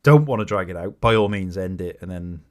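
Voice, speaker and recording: A man's voice: sits low, fairly quick, darkish tone. A man co-hosting a podcast in casual chat, teasing and stubborn. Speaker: podcast co-host.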